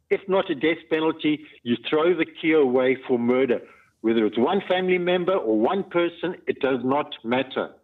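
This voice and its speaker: A middle-aged man calling a phone-in, speaking emphatically in halting, repetitive phrases, distressed and emotional as he gives personal testimony. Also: on the high side. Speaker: phone-in caller. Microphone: phone call. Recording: tinny narrowband phone line.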